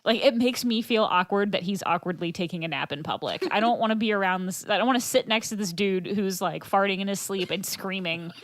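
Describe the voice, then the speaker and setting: A woman's voice: medium pitch, fairly quick, hardly any pauses, dry recording. A woman co-hosting a podcast, telling a rambling workplace story in casual chat with lots of fillers.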